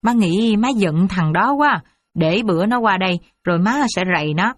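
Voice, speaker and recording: A woman voicing a worried, gentle mother who coaxes her daughter softly. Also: mid-range voice, animated, moderate pace, no echo, clean studio sound, natural voice. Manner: soft, coaxing and anxious.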